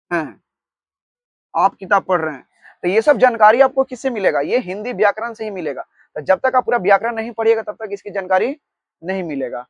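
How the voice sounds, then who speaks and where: A man teaching a grammar lesson, explaining with examples and slowly dictating key words, repeating each one. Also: high-pitched, no echo. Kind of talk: Hindi grammar lecture.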